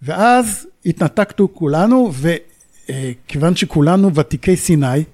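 Older man, high voice, telling war memories. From Israel. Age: 70s. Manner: animated storyteller who acts out radio calls. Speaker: war veteran interviewee. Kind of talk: recounting memories in an interview.

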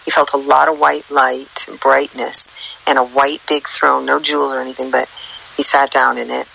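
Guest woman with a deep, gravelly voice and a sharp, bright tone; earnest and rambling. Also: flat delivery, normal speed, a little hiss or hum, low-quality recording. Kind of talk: casual spiritual chat.

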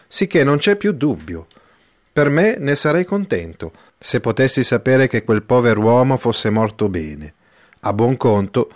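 A man's voice: mid-range voice, dry recording, clean studio sound. A man reading the part of a resolute young villager, telling news in a plain, firm, earnest way.

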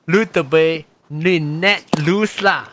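A man's voice: on the high side, very slow, background noise. A man in casual chat who laughs often and slips English words into his talk.

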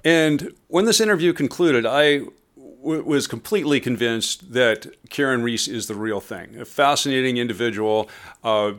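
A man speaking as a co-host on a radio show, casual, pausing often with fillers. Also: mid-range voice, fairly bright tone. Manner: hesitant, many fillers and restarts. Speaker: co-host reporter.

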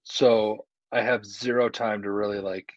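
Speaking slightly slowly with a flat delivery and a fairly low voice, a man recounts a casual story as a podcast's guest comedian, chatting and quoting what others said. The video call comes from an indoor hallway whose echo makes the audio muffled and dull.

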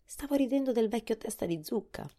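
A woman's voice: on the high side, lively intonation, dark tone, pitched above the performer's own voice. A woman voicing a bold young boy in a storybook, protesting and proud. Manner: protesting, quick to defend himself.

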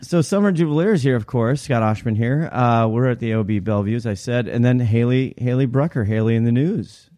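A man's voice: medium pitch, fairly quick, warm tone, no echo, clean studio sound. A man hosting a casual chat show, playful and self-deprecating. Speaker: podcast host.

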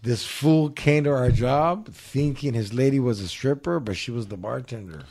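A man's voice: medium pitch, normal speed, a little mellow. A man hosting a casual group chat, telling profane, slang-heavy stories. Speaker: podcast host.

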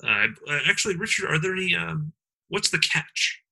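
A man's voice: fairly high pitch, expressive, normal speed, creaky, bright, forceful tone, husky, low-quality recording. A man co-hosting a comedy podcast, rambling with lots of fillers and ironic asides. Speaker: podcast co-host.

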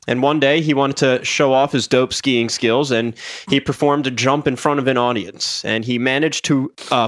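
A man co-hosting a podcast, casually walking friends through facts, halting with many ums and uhs. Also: medium pitch. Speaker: podcast co-host presenting a topic. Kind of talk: casual chat, explaining facts.

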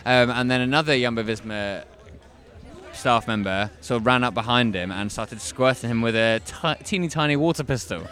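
A man's voice: mid-range voice, normal speed, fairly bright tone. A man with a mid-range voice co-hosts a casual podcast. He tells his stories in a dry, joking way. He is recorded outdoors in an urban setting. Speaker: podcast co-host.

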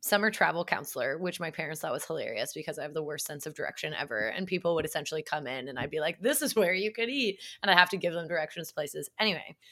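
A woman's voice: low voice, racing, hardly any pauses, bright, forceful tone. A woman from Canada co-hosting a sports podcast, chatting casually and bubbly, laughing often. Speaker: podcast co-host.

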